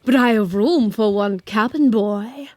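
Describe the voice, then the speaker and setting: A woman's voice: fairly high pitch, unhurried, a little mellow, no echo, natural voice. A woman playing an imperious, bullying pirate captain in an audio drama, with archaic, commanding talk. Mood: menacing, commanding.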